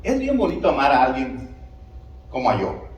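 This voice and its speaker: Animated preaching man in an echoey church. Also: medium pitch, moderate pace, far from the mic. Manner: animated preaching with rhetorical questions to the congregation. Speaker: pastor. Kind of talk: sermon. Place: church sanctuary.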